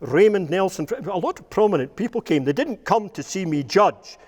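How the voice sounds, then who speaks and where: A man's voice: high voice, animated, normal speed, in a large hall. Humorous Scottish man telling stories. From Scotland. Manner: humorous rambling storyteller, laughs at his own jokes. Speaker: cattle judge giving a talk. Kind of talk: anecdotal talk to an audience. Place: room with a live audience.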